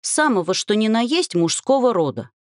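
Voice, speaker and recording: A woman's voice: fairly high pitch, very animated, moderate pace, no echo, studio quality, voice pushed up. A woman voicing a weary young heroine who grumbles wry remarks.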